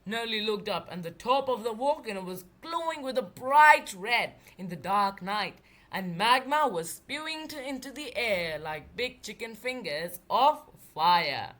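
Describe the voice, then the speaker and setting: A woman with a medium-pitched voice reads and retells a children's story aloud. She is expressive, stretching out words for emphasis.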